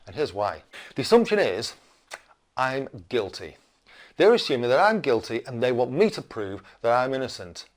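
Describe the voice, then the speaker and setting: A man's voice: medium pitch, sing-song, moderate pace. A British man in his fifties delivering an indignant, cranky rant as a video blogger, emphatic and full of rhetorical questions. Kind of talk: opinionated rant to camera.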